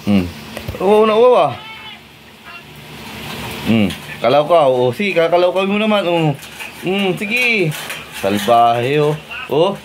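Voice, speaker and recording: A man filming his dog at home, talking to it slowly and coaxingly in short questions. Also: a little high, sing-song, slight background noise. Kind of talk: casual talk to a pet.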